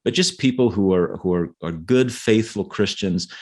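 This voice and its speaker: A middle-aged man, appearing as an author guest in a casual interview, chats earnestly with a fairly low, darkish voice at a normal speed. He often repeats words and checks in with "right?"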